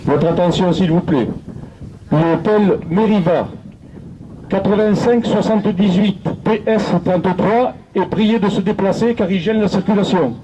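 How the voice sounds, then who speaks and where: A man making a formal public announcement over a loudspeaker, slow and measured as he repeats a number. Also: high-pitched. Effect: over a public address loudspeaker. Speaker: event announcer. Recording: muffled loudspeaker heard from afar, loud outdoor noise.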